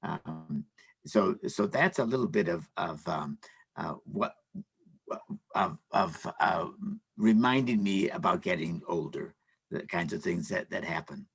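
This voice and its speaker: A man's voice: low voice, expressive, unhurried, vocal fry, husky, no echo. An older man on a panel, speaking casually and hesitantly, with many fillers and restarts.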